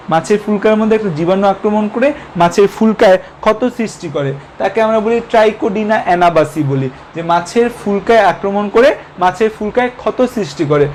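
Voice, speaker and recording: Young male tutor, high-pitched, repetitive Q-and-A lecture style, faint noise floor. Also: darkish tone. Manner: repetitive question-and-answer teaching, code-mixing English terms. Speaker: biology teacher. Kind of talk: online lecture.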